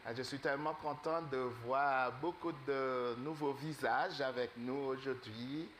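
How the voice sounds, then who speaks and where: A man preaching in a church, telling a fable to the congregation in an animated, halting way and quizzing them. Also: mid-range voice, a little hiss or hum. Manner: animated, asks the congregation questions; halting, many fillers. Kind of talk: sermon storytelling.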